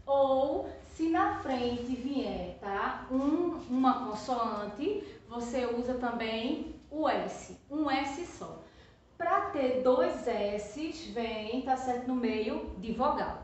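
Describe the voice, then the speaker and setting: A woman primary school teacher with a Brazilian Portuguese accent giving a patient remote lesson to young children, checking in with "tá?" after nearly every phrase and stretching out example words slowly. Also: a little high, a little hiss or hum. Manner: slow, drawn-out stressing of example words; refers to herself as "tia". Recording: echoey room, distant from the mic, slightly muffled.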